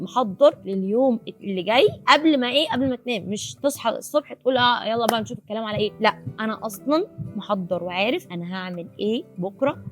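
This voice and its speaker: A young woman with an Egyptian accent giving students motivational study advice, mixing English words into her Arabic and repeating key points. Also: mid-range voice. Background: faint music.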